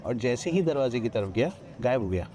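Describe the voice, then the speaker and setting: A man's voice: medium pitch, animated, fairly quick, mellow, slight background noise. A man from Odisha, a podcast guest, retelling a personal ghost story with many quoted lines of dialogue, recorded outdoors at a riverside ghat. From Odisha, India.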